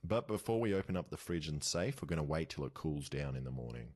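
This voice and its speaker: A man's voice: extremely low pitch, animated, quick pace, darkish tone, no room sound, studio quality. A man giving scripted narration as the presenter of an experiment video. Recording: music under the voice.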